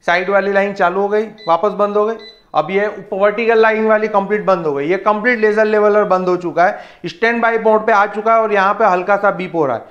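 A man's voice: high-pitched, fairly even intonation, brisk, a bit bright. A man owning a tool shop, explaining step by step and telling viewers to look while he demonstrates a laser leveler. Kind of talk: casual product demonstration. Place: small tool shop room with shelves, indoors. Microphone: handheld camera filmed by another person. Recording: echoey room, slightly dull, faint noise.

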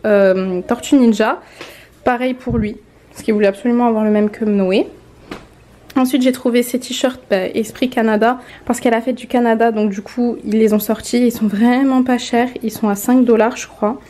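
A woman's voice: on the high side, steady tone, normal speed, dark tone. A woman in her twenties from France, chatting casually to viewers while showing a grocery haul at home. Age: 20s. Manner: chatty, addresses viewers directly. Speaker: vlogger. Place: indoor home room, off camera.

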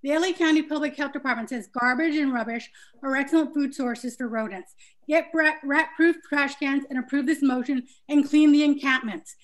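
A woman argues her point in an online meeting, sharp and sarcastic. Her voice sits high, and she pushes back hard at her critics. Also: moderate pace. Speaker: board member. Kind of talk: public comment at online meeting.

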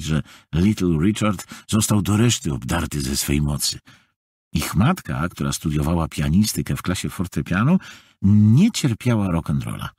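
A man narrating a horror audiobook in a dramatic, studio-recorded reading that sinks soft and low at tense moments. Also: slightly rough, no echo. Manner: dramatic, swings between soft low lows and raised tension.

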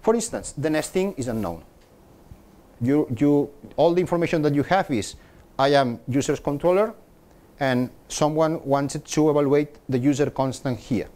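This middle-aged man's voice sits on the high side with a darkish tone, and he speaks at a normal speed. Presenting a technical talk to a meetup audience in a room with a projector screen, he frequently repeats words and starts sentences over.

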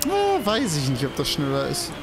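His pitch swooping wildly and sitting on the high side, a young let's play host speaks at a moderate pace while commentating a racing game. He rambles casually, swearing and exclaiming at the track, with game music behind him.

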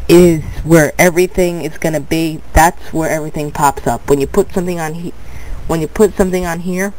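Briskly and in a steady tone, the congested young man guides viewers through his screen-recorded tutorial in a slightly high, a little mellow voice. He rambles, restarts words, and repeats "but anyway," and the audio is poor.

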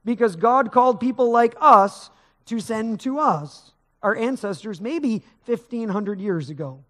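A middle-aged pastor preaches on stage in a large church sanctuary, his voice sitting high with a fairly bright tone and an unhurried pace. His delivery is conversational but rises with emphasis as he gestures and paces the stage.

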